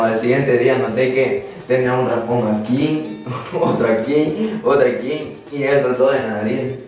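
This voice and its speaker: A man's voice: medium pitch, darkish tone, heavy reverb. Young man talking sheepishly, far from the mic. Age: young adult. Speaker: dare taker. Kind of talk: casual vlog chat.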